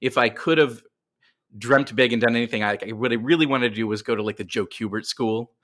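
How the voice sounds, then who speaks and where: Speaking a little fast with a steady tone, this American man in his forties has a mid-range, somewhat bright voice. He's a guest in an interview, spinning casual stories that wander and poke fun at himself.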